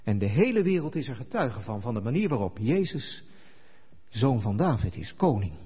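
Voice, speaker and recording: A man preaching a sermon who tells the story with lively, animated delivery and acts out the quoted dialogue. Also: mid-range voice, moderate pace, husky. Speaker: pastor. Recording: echoey hall, dull lo-fi sound.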